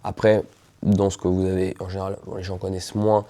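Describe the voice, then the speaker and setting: A man explains legal rules to camera, pausing on fillers and small asides. His voice sits low and sounds warm and relaxed. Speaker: immigration lawyer. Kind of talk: explanatory video talk.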